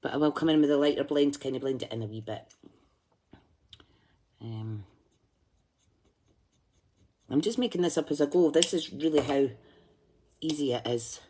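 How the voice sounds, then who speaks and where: A woman with a deep, mellow voice colours on camera for a craft tutorial, speaking at normal speed but pausing often. She chats and thinks aloud, humming as she concentrates.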